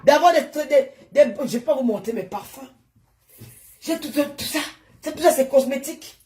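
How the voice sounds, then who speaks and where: Animated woman scolding her followers. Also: high voice, normal speed. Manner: animated, scolding viewers who comment; talks while showing items to the camera. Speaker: social media influencer. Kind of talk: casual live stream chat with followers. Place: at home.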